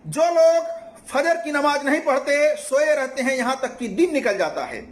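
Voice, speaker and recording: A man's voice: extremely high pitch, lively intonation, moderate pace, slight background noise. A man giving a religious sermon, exhorting listeners with repeated appeals and citing scripture references. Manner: repetitive exhorting, cites hadith numbers. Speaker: Islamic preacher.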